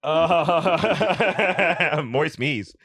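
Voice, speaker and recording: A man's voice: fairly high pitch, animated, drawn-out words, fairly bright tone, slightly rough, no echo, studio quality. A man co-hosting a wrestling podcast, reading viewer chats and joking around. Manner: playful, laughs a lot, reads super chats. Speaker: podcast co-host. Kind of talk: casual wrestling chat.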